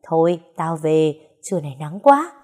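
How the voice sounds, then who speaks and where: A gruff, deep-voiced older village matron, stout and fierce, who barks orders and will not take no for an answer, as a woman storyteller puts her on. Her voice sits low and pushes out loud and forceful. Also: very animated, normal speed. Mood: domineering.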